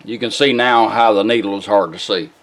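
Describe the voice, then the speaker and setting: A folksy, plainspoken man with a lowish voice talks fairly quickly through a casual, hands-on demo of restored vintage car radios. The recording is low quality, and the radio's own music plays behind his voice.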